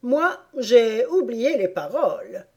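A woman reading an audiobook voices a boisterous griffin creature that bursts out in loud exclamations. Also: fairly high pitch, big pitch swings, slow, slightly rough, pitched above the performer's own voice, exaggerated voice. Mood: excitable.

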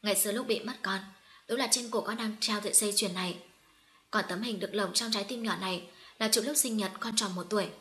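A woman's voice: medium pitch, quick pace, bright, forceful tone, close to an everyday voice. A woman reading as a grieving middle-aged mother who is tearful and apologetic.

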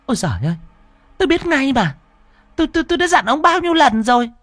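A shrill village wife nags her husband with stammering exasperation. Her voice leaps far above his usual low tone and runs fast in this spoken ghost story. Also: big pitch swings, fairly bright tone, no room sound, full character voice. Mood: scolding. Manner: nagging, stammering, high-pitched scolding. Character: shrill scolding village wife, middle-aged.

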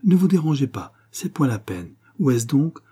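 A sly young swindler coaxes in a honeyed, wheedling murmur, dark-toned and husky, as a man reading the book puts him on. The voice stays low and close, sweet on the surface. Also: very animated, normal speed. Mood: humble. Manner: wheedling, mock-humble.

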